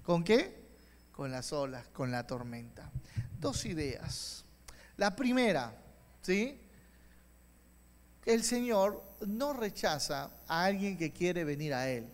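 High-voiced preaching man in a reverberant hall. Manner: impassioned preaching, swings from soft to loud. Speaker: pastor. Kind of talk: sermon.

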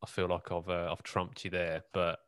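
Joking low-voiced man host. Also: completely flat delivery, normal speed, fairly bright tone. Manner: joking, self-deprecating, laughs often. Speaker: podcast host. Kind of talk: casual chat.

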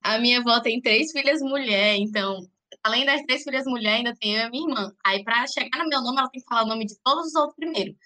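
Bright-voiced young woman, storytelling. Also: fairly high pitch, fast. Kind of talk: casual group chat.

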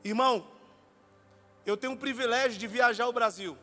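A man's voice: very high voice, moderate pace, in a large hall, soft background music. A man preaching a sermon in a church, telling stories animatedly and acting out the dialogue. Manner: animated, acts out dialogue, sometimes shouts. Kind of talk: sermon with storytelling.

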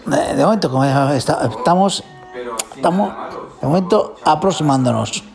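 A man from jokes his way through a reality show, teasing and repeating his punchlines. His voice is somewhat high for a man and has a gravelly edge. Faint music plays behind him. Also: animated, normal speed. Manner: jokey, teasing, often repeats himself. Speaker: co-host commenting on a reality show. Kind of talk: casual comedic commentary.

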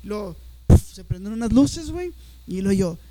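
A young man with a Mexican accent telling a story in slangy, animated casual chat, acting out the voices of the people he quotes. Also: high voice, moderate pace, heavy background noise. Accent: Mexican Spanish.

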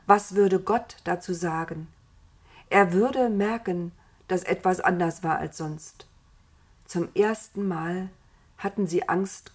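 A woman narrating a children's story in a calm, expressive storytelling manner. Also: on the low side, slightly rough.

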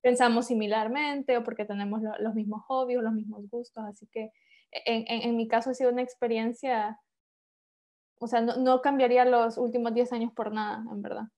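A woman's voice: a little high, flat delivery, fairly quick, a little mellow. A woman in her thirties with a Honduran accent, chatting as a podcast guest, with many fillers and restarts. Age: 30s. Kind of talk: casual interview chat.

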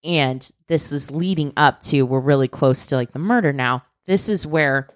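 A woman with a low voice co-hosts a casual podcast, recounting a true crime story at a normal pace. She's animated, saying "like" constantly and dropping the occasional swear word. The recording is dry and clean, with studio sound.

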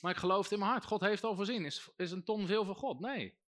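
A pastor preaches a sermon, building emphasis and calling out to his congregation. His voice is high, fairly quick and a bit bright.

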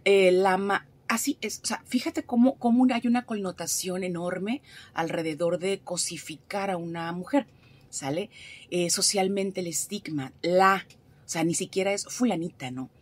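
A woman's voice: on the low side, normal speed. A woman giving advice as a therapist on a radio talk show, speaking in a frank, colloquial, conversational way. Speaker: therapist, regular radio contributor.

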